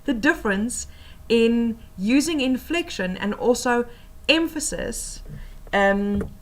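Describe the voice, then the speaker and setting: A woman teacher explaining tips for oral reading assessments, patiently and with many pauses and fillers. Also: a little high, expressive.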